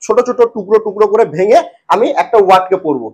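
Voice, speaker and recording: High-voiced man teaching a lesson. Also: expressive, darkish tone, husky. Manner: repeats words slowly and checks in often. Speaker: English teacher. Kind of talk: spoken lesson.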